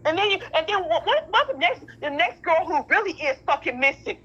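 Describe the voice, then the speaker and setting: On a muffled phone call, a middle-aged mother or father figure, a woman with a very high, bright, forceful voice, argues heatedly and a little fast with lively intonation. She's blunt and emphatic, swearing and repeating herself often in this casual discussion.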